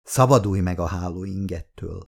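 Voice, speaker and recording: A man's voice: sits low, vocal fry. A male audiobook reader voicing a vulgar, joking young man who teases his partner. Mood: teasing. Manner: vulgar, teasing banter. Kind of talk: audiobook character voice.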